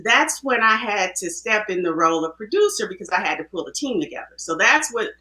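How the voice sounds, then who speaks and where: Chatty woman guest with a bright voice. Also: mid-range voice, animated, fairly quick, echoey room, poor audio. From American Midwest. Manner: chatty, self-interrupting storyteller. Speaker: guest film producer. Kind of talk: casual interview talk.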